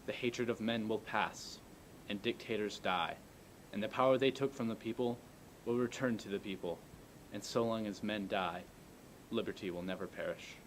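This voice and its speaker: Man reciting a speech, faint rumbling noise. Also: normal speed, poor audio. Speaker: amateur performer.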